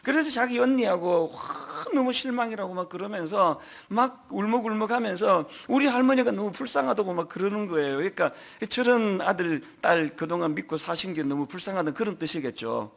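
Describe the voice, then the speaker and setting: A middle-aged man preaching a sermon as pastor, telling stories with emphatic swings in pitch and loudness. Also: lively intonation, brisk, creaky, hardly any pauses. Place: large church sanctuary.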